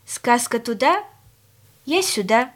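A woman narrating a children's fairy tale in a gentle, expressive storytelling manner. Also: a little high, takes it slowly.

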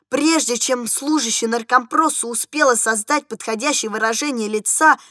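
A woman's voice: fairly high pitch, no room sound, clean studio sound. Woman reading a story aloud. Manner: measured, expressive storytelling. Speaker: reader. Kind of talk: literary narration.

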